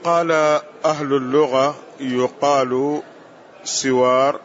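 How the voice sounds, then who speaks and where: A man reading a classical text aloud during a lesson in a slow, measured way. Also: medium pitch, steady tone. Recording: dull lo-fi audio.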